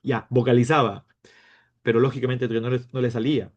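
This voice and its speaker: A man teaching a class, lively and playful, acting out his students' questions. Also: mid-range voice, brisk. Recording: dull lo-fi sound.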